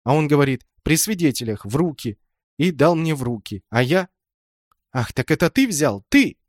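A man's voice: a little high, sing-song, moderate pace, no echo, clean studio sound. A man playing an earnest, bewildered little boy. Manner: earnest, explaining. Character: small bewildered boy, earnest and eager to help.

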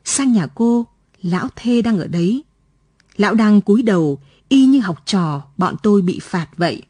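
A woman reading a story aloud as scripted late-night narration, in a calm, even manner. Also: medium pitch, moderate pace, slightly rough, no room sound. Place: radio studio.

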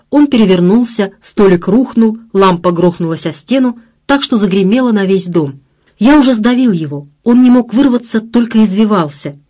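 A woman narrating an audiobook in a measured, expressive reading voice. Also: mid-range voice.

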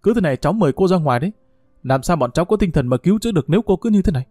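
A man's voice: medium pitch, expressive, brisk, mellow, dry recording, studio quality, soft background music, natural voice. A man reading the lines of a firm young female emergency doctor in an audiobook story. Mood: urgent, stern. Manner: urgent, commanding.

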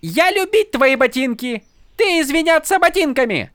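A man reading an audiobook voices a bold, playful young noblewoman who shouts in deliberately broken grammar. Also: very high-pitched, no room sound, studio quality, voice pushed up. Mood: indignant. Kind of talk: audiobook character voice.

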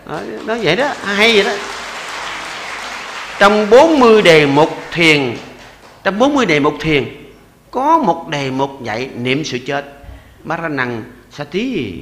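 Older monk in his 60s, southern vietnamese accent, bright lively voice, jokey sermon, slows down for chants. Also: a little high, echoey room, in a large hall, a faint crowd. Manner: lively and joking, often chuckling; slows to recite verses and repeated chants. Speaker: Buddhist monk giving a dharma talk.

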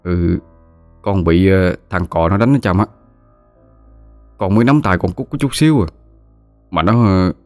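A man's voice: low voice, unhurried, long pauses, dry recording, soft background music. A man playing a timid, mumbling rich young man. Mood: sheepish. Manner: mumbling, hesitant.

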